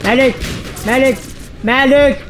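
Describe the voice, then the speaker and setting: A man giving casual gameplay commentary, shouting repeated commands and cursing at his teammates. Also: very high-pitched, slow, music in the background. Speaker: gaming YouTuber. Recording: game gunfire loud behind voice.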